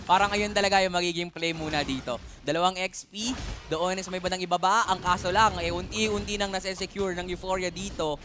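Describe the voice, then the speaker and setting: A man doing lively play-by-play commentary on an esports match, rising to loud calls on big plays. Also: high-pitched, brisk. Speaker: esports caster. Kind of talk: excited play-by-play game commentary. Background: music.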